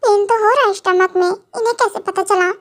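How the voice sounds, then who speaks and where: A woman's voice: extremely high pitch, fairly even intonation, a little fast. A young woman voicing a naive childish wife. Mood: confused. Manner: whiny, talks about herself in third person. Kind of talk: amateur audio drama acting.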